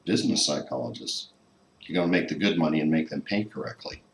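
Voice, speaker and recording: A man's voice: very deep voice, lively intonation, fast talker. A man hosting an interview, asking wry, teasing questions in a casual way. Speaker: interviewer host. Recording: echoey room with faint noise.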